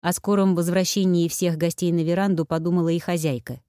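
Low-voiced woman narrating a story. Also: fairly even intonation, a little fast, mellow, smooth, no echo, studio quality. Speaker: audiobook narrator. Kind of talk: scripted narration.

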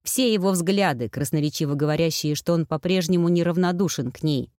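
A woman narrates a fantasy novel in a steady, even storytelling manner. Her voice sits on the low side for a woman, and it is recorded close and dry, with no room echo. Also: fairly quick. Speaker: audiobook narrator. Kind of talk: scripted narration.

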